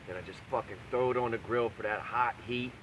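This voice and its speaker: A man's voice: medium pitch, brisk, a bit bright, muffled recording, a little hiss or hum. A man talking casually and profanely like a video blogger, brash and crude, hammering points home by repeating himself. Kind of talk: profane, casual rambling rant to camera.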